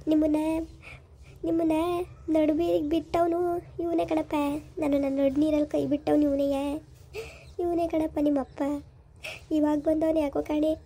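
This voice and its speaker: A woman's voice: sits high, gravelly, dark tone, slight background noise. A woman playing a bitter mother who was abandoned by her husband, scolding and cursing.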